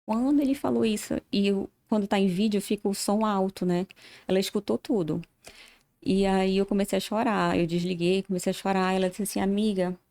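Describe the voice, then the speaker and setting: A woman tells her own story as a podcast guest, earnest and steady. Her voice is mellow and warm, and she acts out the lines of people she remembers. Her pitch sits in the middle for a woman. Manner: earnest storytelling, often acting out remembered dialogue. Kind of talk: personal testimony in an interview.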